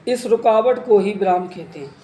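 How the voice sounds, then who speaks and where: A man's voice: high-pitched, moderate pace, dark tone, a little hiss or hum. A man teaching an exam-prep grammar lesson, listing terms and examples one by one. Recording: echoey room with faint ambience.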